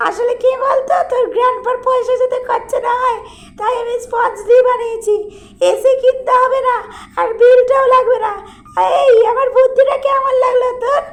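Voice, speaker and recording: Shrill, hoarse old granny who yells threats between whimpers and cackles. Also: female voice, level tone, a little fast. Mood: whiny explaining. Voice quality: cracked, broken voice. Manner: shouting threats, half-crying and cackling. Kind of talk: comic horror-game role-play.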